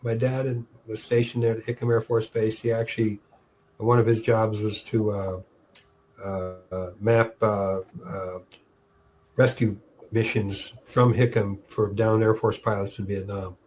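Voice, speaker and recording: Rambling older man with low voice. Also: level tone, unhurried, darkish tone, a little hiss or hum. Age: 70s. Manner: rambling, many fillers and restarts, chuckles at himself. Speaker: interview guest, historic park staff. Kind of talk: casual interview chat.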